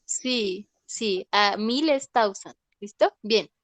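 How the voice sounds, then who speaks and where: A woman's voice: mid-range voice, animated, slow, a bit bright, no echo. A woman, an English teacher explaining a lesson patiently and often checking that students follow. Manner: patient, repeats "¿listo?" to check understanding. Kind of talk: online class explanation.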